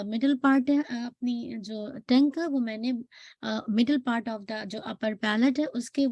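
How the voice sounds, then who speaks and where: A woman leads a Quran recitation lesson, her voice pitched a bit high but warm and mellow. She models each sound slowly and patiently, drawing syllables out, then checks in with her listeners. The sound is dry and close, with no room echo.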